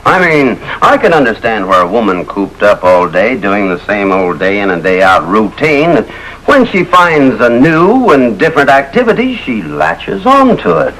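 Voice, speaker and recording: An actor playing a harried middle-aged suburban father in a 1950s sitcom, talking in a pleading, lively way. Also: medium pitch, normal speed, poor audio. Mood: earnest. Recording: old TV soundtrack with faint hiss.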